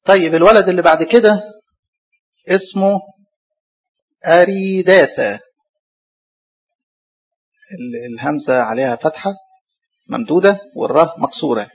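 Teaching a Bible study lesson, an expressive Egyptian preacher speaks in a husky, slightly high voice with a quick rhetorical question-and-answer rhythm. When he reaches difficult names, he spells them out slowly and says them again. The sound is dull and lo-fi.

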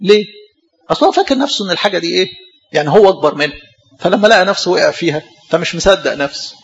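A man with an Egyptian accent, a priest giving a sermon, animated, with mocking asides to the congregation. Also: high-pitched, racing, muffled recording. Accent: Egyptian Arabic.

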